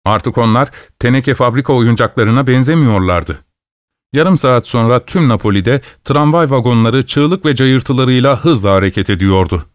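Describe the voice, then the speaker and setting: A man reading a story aloud as narrator, in a measured, descriptive way. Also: medium pitch, expressive, no echo, clean studio sound. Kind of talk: scripted narration.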